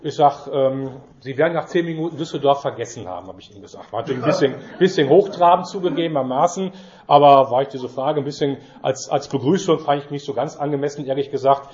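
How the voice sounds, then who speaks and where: A man's voice: mid-range voice, fairly even intonation, fairly quick, darkish tone. A middle-aged man telling stories in a chatty way, acting out the dialogue and using many fillers. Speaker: church representative giving a talk. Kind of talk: anecdotal storytelling talk. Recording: dull lo-fi recording.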